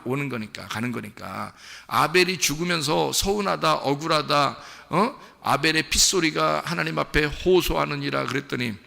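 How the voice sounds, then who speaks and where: A man's voice: on the high side, creaky, pushed and bright. A male pastor preaching a conversational sermon, asking the congregation questions. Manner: conversational, asks the listeners questions and acts out quoted lines. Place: church sanctuary. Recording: long reverb of a large hall.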